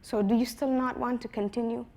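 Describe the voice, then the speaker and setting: A woman in her twenties from Afghanistan, giving a prepared personal talk in an earnest storytelling manner, her voice dropping softly at the ends of phrases. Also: a little high, fairly even intonation, fairly quick. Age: 20s. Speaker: conference speaker.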